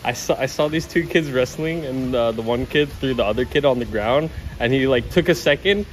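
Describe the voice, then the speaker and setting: A man's voice: medium pitch, a little fast, a little hiss or hum. A young man vlogging casually from a beach resort, rambling with lots of "like" fillers. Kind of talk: casual vlog chat. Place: beach resort, outdoors and by a pool.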